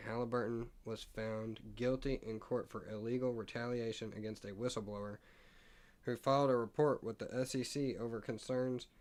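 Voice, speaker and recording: With a fairly low, darkish voice, a man hosts a relaxed stock market stream and reads the figures and prices on his screen aloud. He thinks out loud, stumbles, makes asides, and is hiccuping.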